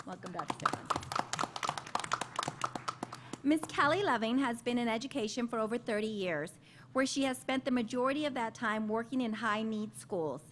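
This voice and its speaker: Upbeat woman moderator with a bright, higher voice. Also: moderate pace, long pauses, slight background noise. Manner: warm, upbeat praise of guests. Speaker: panel moderator. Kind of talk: reading introductions, then moderating.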